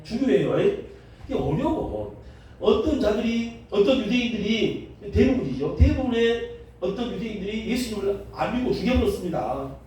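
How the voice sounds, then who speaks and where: Jeolla pastor teaching a Bible class, high and lively voice, dark tone, heard from far off in an echoey classroom. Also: male voice, normal speed. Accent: Jeolla Korean. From Jeolla, South Korea. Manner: lively, joking, asks the class questions. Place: seminary classroom. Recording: echoey room, recorded from a distance.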